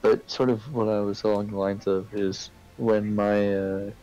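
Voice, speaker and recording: In a casual group debate, a Canadian man explains his point, frequently checking in with "right?" or "okay?" along the way. His voice is fairly low, dark, a little slow, and flat, with the highs cut off.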